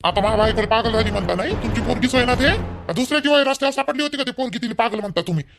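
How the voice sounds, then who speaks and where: A man's voice: very high-pitched, rapid-fire, over music. Man playing a furious threatening son-in-law. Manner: shouting, threatening, rough. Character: angry young son-in-law demanding money.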